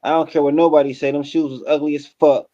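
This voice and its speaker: Chill guy on a podcast, mellow voice, muffled lo-fi sound. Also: fairly high pitch, little pitch movement, quick pace. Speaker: podcast co-host. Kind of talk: casual chat. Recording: dull, lo-fi sound.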